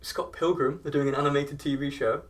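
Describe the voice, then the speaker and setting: A man co-hosting a casual podcast chat, relaxed and rambling, laughing often. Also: fairly high pitch, a little fast, distant mic. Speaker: podcast co-host.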